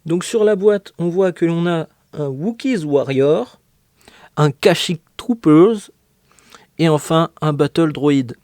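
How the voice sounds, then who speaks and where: Slow and animated, a slightly high, somewhat mellow male voice narrates a laid-back LEGO unboxing, full of hesitations, fillers, and jokey asides. The sound is dry with a clean studio quality.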